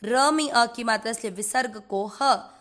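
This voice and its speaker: A woman from India leads a slow pronunciation lesson in a somewhat high voice. She takes her time over every syllable, spelling out each sound and then chanting the whole line. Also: a bit bright. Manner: slow, careful, repeats each syllable and chants the verse lines. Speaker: Sanskrit recitation teacher.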